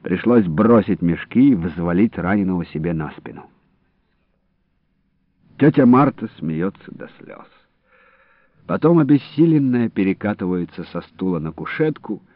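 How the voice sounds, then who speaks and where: A man narrating a story in a lively, expressive reading voice. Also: lowish voice, unhurried, long pauses, dry recording. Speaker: audiobook reader. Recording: dry, phone-like narrow sound.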